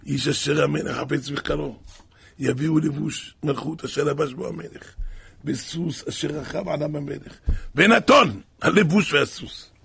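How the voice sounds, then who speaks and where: A haughty royal schemer, as a storyteller voices him, reciting in a pompous way. The voice is gravelly with a husky rasp. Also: male voice, fairly high pitch, fairly bright tone, no echo, full character voice. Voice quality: gravelly, raspy. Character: proud scheming male royal minister.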